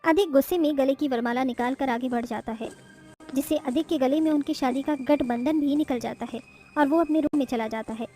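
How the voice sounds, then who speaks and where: A woman narrating a scripted cartoon story in a steady storytelling manner. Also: sits high, brisk, soft background music.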